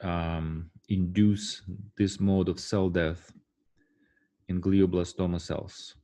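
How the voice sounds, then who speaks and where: Man, university lecture, low voice, mellow tone, halting with ums and restarts, frequent "right?" checks. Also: steady tone. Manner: halting, many fillers and restarts; asks the class rhetorical "right?" checks. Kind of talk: classroom lecture.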